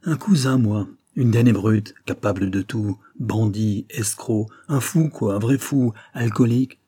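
A man reading a wounded, exhausted Englishman who speaks in short, halting phrases in an audiobook. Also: lowish voice, mellow, breathy edge. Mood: urgent. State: weak and exhausted.

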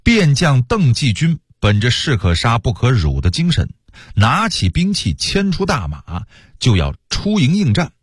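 A man telling a historical tale on radio with lively, humorous storytelling. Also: medium pitch, a little slow, breathy edge, no room sound, studio quality.

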